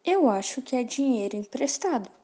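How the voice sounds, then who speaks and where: An earnest young male servant, played by a woman in a stage play. He speaks plainly and matter-of-factly. The voice is fairly high with a mellow tone. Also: lively intonation, moderate pace.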